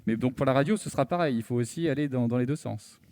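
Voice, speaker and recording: A man's voice: medium pitch, fast talker, warm tone. A man on a panel giving a careful technical explanation, hesitating often with fillers. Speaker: panel speaker, engineer.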